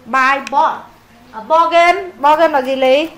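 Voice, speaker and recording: High-voiced Vietnamese woman teaching English. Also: fairly bright tone. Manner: brisk, drills vocabulary with repetition. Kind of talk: classroom lesson, reading aloud and translating. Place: classroom.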